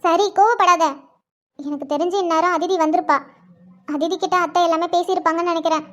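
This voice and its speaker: Super high-pitched cartoon sister-in-law, calm and soothing. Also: female voice, quick pace. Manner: soothing, reassuring. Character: young woman, calm caring sister-in-law. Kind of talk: cartoon voice acting.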